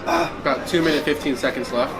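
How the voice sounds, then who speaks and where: A man's voice: on the high side, a little fast. A man chatting casually as a challenge participant in a vlog, his mouth burning from spicy food. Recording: very noisy camera and phone audio.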